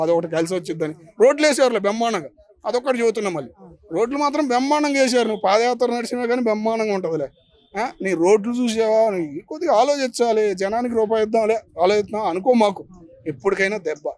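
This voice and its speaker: A man with an Andhra Pradesh Telugu accent, giving his opinion in a street interview in an emphatic way, full of rhetorical questions. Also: sits high. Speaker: member of the public giving opinion.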